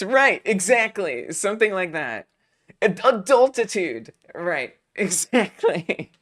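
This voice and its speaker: A young adult woman hosting a game jam stream, chatting casually in an excitable, self-mocking way. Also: low voice. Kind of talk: casual live-stream chat.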